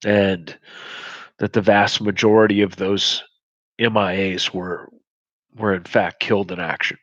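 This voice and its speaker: A man's voice: sits low, level tone, measured pace, a bit bright, dry recording. A man in his forties telling a candid personal story in a blunt, reflective manner with frequent swearing. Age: 40s. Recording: dull, muffled sound.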